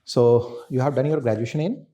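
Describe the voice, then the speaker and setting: A man's voice: mid-range voice, normal speed, dark tone. A man with an Indian accent putting insistent, probing questions as an interview panellist.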